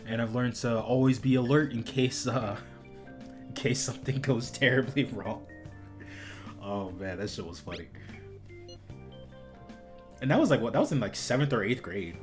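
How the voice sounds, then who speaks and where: A man's voice: mid-range voice, moderate pace, long pauses, faint music behind. A young man streaming a video game, chatting casually and rambling, laughing often and saying dude and like a lot. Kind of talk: casual gaming stream chat.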